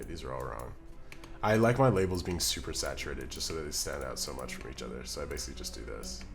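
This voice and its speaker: Speaking at an extremely low, creaky pitch, this young man from Scotland streams live from a room at home. Relaxed and muttering as he edits on his computer, he reads chat messages out loud into a desk mic.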